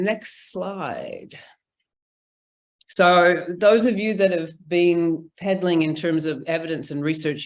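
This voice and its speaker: A conference speaker talks through a presentation over a video call. The delivery is informal and conversational, full of ums and small restarts, at an ordinary middle pitch. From New Zealand. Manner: chatty, informal, frequent ums. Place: indoor room, remote.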